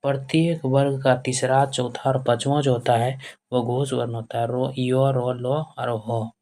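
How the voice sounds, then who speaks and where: Man, tutor type, even, flat delivery, drills definitions by repeating them. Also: medium pitch, unhurried. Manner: repetitive, keeps addressing students fondly and checking with "okay"; asks questions and answers them himself. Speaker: teacher. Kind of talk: board-exam grammar lesson.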